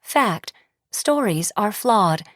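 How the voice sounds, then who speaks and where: A woman's voice: medium pitch, lively intonation, very slow, a bit bright, no echo, studio quality. A woman voicing a colorless, commanding female school founder made of words, who speaks in clipped announcements. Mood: cold commanding. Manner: clipped, commanding, announces each remark with a one-word label.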